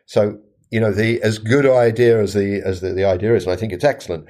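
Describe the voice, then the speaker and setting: A man's voice: fairly low pitch, steady tone, fast, warm tone. A man who runs a restaurant business, chatting on a panel and telling a story while acting out the quoted lines with self-mocking humour. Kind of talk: casual panel chat.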